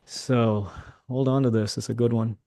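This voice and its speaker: A middle-aged man, a day trading mentor, commenting on a live trading session, excitable and talking to his chat, swearing when frustrated. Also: mid-range voice, moderate pace, no room sound.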